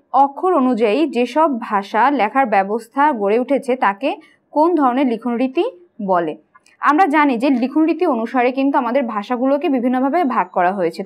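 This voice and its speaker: A woman teacher patiently explaining quiz answers, asking questions and answering them herself. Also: sits high. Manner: patient, asks and answers her own questions.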